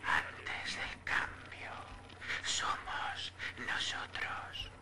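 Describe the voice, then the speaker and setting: A man voicing an eerie male cult figure in a hushed whisper, from a game audio diary. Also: extremely slow, heavily acted.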